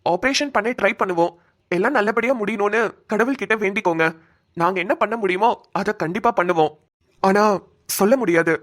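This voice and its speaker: Woman doing a cartoon doctor, calm and gentle, explains slowly and reassures, mid pitch, plain voice. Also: close to an everyday voice. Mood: calm explaining. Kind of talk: cartoon voice acting.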